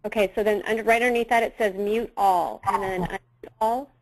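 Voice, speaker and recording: A woman on a conference call patiently talking a colleague through the software, step by step. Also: mid-range voice, steady tone, fairly quick, slight background noise, low-quality recording. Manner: patient, guiding. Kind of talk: casual step-by-step tech help. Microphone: conference call phone line.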